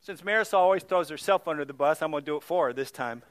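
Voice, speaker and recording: A middle-aged male pastor telling stories in a sermon, swinging from loud exclamations to hushed, near-whispered moments. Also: a little high, fast talker, dry recording.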